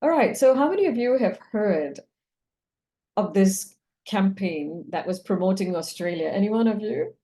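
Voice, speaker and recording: A woman's voice: mid-range voice, lively intonation, moderate pace, mellow. A woman from Singapore giving a conversational online presentation over a video call, laughing often. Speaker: roundtable speaker.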